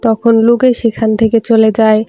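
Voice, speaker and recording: A woman narrating a film recap in a steady, even storytelling read, with soft music underneath. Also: a little high, unhurried, no room sound, lo-fi sound. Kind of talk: scripted movie recap narration.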